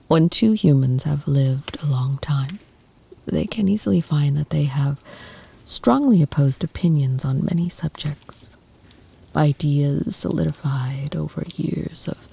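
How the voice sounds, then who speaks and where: A woman voices an ancient vampire, tender and protective, in an intimate ASMR roleplay. She speaks softly, partly in whispers, with formal, deliberate phrasing. Her voice sits low and is creaky, with a slight hiss or hum.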